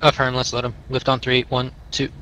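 A man role-playing an emergency scene commander, speaking in halting, procedural radio talk. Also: medium pitch, completely flat delivery, pushed and bright, a little hiss or hum, poor audio.

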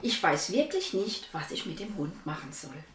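A woman's voice: lowish voice, sing-song, moderate pace, reverberant, recorded from a distance, noisy background. Woman reading out a sweet-talking stranger guy from a kids story, voice swings up and down. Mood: coaxing. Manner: coaxing, then threatening. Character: kind-seeming stranger man, turns menacing.

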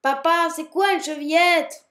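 A man's voice: very high voice, unhurried, sharp tone, roomy sound, pitched above the performer's own voice, heavily acted. A man voicing a small child who keeps pestering daddy with the same question, insistent and repetitive.

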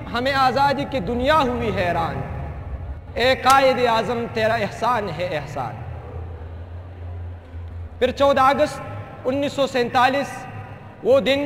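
A man's voice: very high-pitched, a bit bright. A young man from Pakistan giving an impassioned speech at an expo, reciting verse in a rhythmic oratorical style into a handheld mic. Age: young adult. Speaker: student speaker. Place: large indoor expo hall. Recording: echoey hall, faint background noise.

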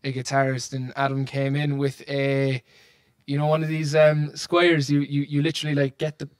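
A man's voice: mid-range voice, monotone, normal speed. A young man from Ireland with a Cork accent, a singer chatting casually in an interview, laughing often and trailing off with fillers. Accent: Cork Irish. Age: young adult. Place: recording studio lounge, indoors. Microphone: handheld microphone.

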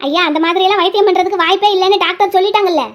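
A fierce, stubborn village grandmother, played by a woman snaps out her words at a quick clip. The voice sits very high, and she scolds with total certainty. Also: fairly even intonation. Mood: stern. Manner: firm, scolding, rapid delivery. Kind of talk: hobby drama dialogue.

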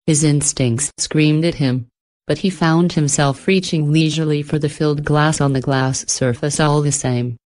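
A woman with a low voice reads a scripted horror story. She tells it in a steady, measured way, with clear phrasing from line to line. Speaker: narrator.

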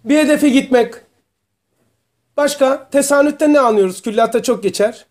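A man teaching a religious study group, explaining terms slowly and asking his students questions. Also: very high voice, a little mellow. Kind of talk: religious lesson to a small group.

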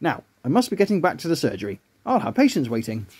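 A man voicing a cheerful, brisk male doctor who is a pepper shaker in a children's story. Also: a little high, huge pitch swings, darkish tone, breathy edge, full character voice. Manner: friendly, brisk.

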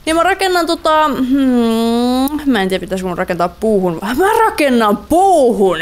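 Young woman, gaming commentary, playful and chatty, slightly high voice. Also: very animated. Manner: chatty, playful, mixes in English words, repeats words. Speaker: gaming YouTuber. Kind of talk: let's play commentary.

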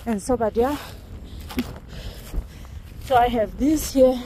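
This casual walking vlog features a middle-aged South African woman talking her way across dry, windy farmland with her phone held out at arm's length. She has a fairly high, warm voice and a slow pace, laughing easily and drifting into rambling asides. The recording is rough, with outdoor wind and ambient noise.

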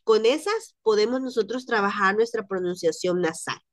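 A woman's voice: mid-range voice, moderate pace, dry recording, studio quality. A woman teaching an online French class to Spanish speakers, explaining and drilling pronunciation by repeating sounds over a video call.

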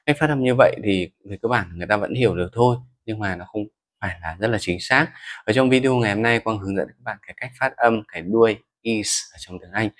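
A man with a Vietnamese accent teaching English pronunciation, stretching out example words slowly between explanations. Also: lowish voice, dry recording. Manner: slow, drawn-out model words between explanations. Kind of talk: pronunciation lesson.

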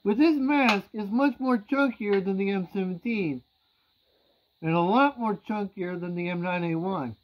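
A man's voice: high voice, a little slow. A young man speaking through a gas mask, giving a casual gear test as a vlogger in a small room. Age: young adult. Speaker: vlogger testing military gear. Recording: muffled, slightly dull home recording.

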